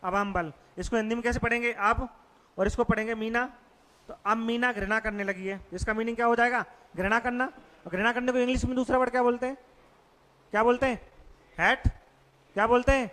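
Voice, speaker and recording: High, bright-voiced male teacher in a hall. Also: fairly even intonation, a little fast, long pauses. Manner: quizzes students with repeated questions. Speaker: English teacher. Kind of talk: classroom vocabulary lesson.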